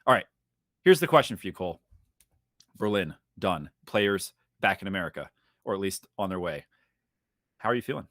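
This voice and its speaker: Lower-pitched upbeat male podcast host. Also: no echo, studio quality. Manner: energetic, jokey, fast-talking. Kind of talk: casual podcast chat.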